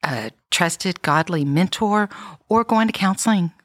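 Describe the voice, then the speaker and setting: Middle-aged woman, slightly low pitch, unhurried reflective podcast talk, dry mic. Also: animated, no echo. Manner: reflective, many fillers and restarts. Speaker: podcast co-host. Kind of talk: casual chat.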